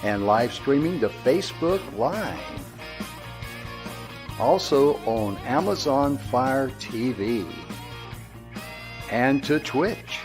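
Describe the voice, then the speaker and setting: A man announcing a scripted show intro in a measured voice. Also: medium pitch. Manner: slow, measured, lively announcing. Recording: guitar music behind. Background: guitar music.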